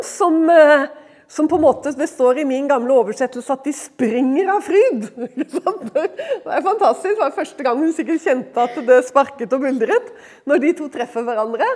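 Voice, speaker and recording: A woman with a high voice gives a devotional talk at a women's retreat. She tells the stories in an animated way, acting out the characters' lines and moving between loud, excited passages and hushed, tender ones. Her casual asides keep the tone warm and conversational. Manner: lively storytelling, acts out quoted lines, swings from loud to hushed; conversational fillers, frequent laughter in voice.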